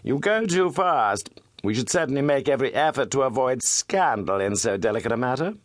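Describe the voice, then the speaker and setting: Man reading as a raised, clipped, commanding gentleman detective for an audiobook; dry studio sound. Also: medium pitch, animated, a little fast, dry recording, pitched above the performer's own voice, lightly acted. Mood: firm. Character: sharp, proud Victorian male detective, middle-aged.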